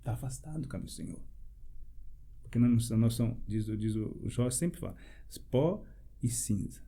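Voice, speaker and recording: A man's voice: medium pitch, lively intonation, moderate pace, warm tone, husky. A man, a pastor preaching in a panel debate, emphatic and full of rhetorical questions, breaking into short laughs as he tells a personal testimony. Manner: laughs between phrases.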